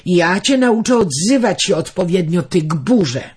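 A man's voice: a little high, big pitch swings, measured pace, slightly rough, full character voice. A man voicing a tall, protective young man who commands strangers and comforts a girl tenderly. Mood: angry.

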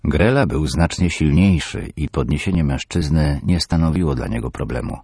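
A man narrating a horror audiobook in the first person, measured and tense. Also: extremely low pitch, warm tone, breathy edge, no room sound, clean studio sound.

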